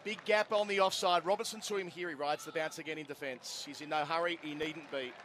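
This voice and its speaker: A man's voice: fairly high pitch, steady tone, fairly quick, fairly bright tone. A man giving live ball-by-ball radio cricket commentary, describing each stroke and score. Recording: crowd and stadium noise behind. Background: cricket ground crowd.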